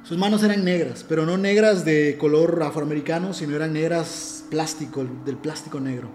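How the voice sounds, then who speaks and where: A man with a Mexican accent tells a story in an earnest, self-aware way, often circling back to restart his sentences. His voice sits a little high for a man. The room sounds echoey, with a faint hum of ambience behind him. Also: normal speed, darkish tone. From Ciudad del Carmen, Mexico. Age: adult. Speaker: guest telling a personal story. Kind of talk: casual storytelling in a conversation.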